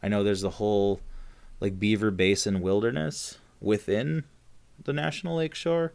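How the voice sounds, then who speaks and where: A man's voice: lowish voice, normal speed, creaky, a little mellow. A man from Michigan's Peninsula, co-hosting a casual podcast and rambling with many fillers and restarts. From Upper Peninsula of Michigan. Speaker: podcast co-host. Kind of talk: casual chat.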